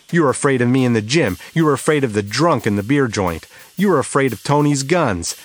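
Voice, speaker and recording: A man's voice: lowish voice, a bit bright. A man voicing an angry, tough young detective, snapping with rage. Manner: snapping, raging, contemptuous.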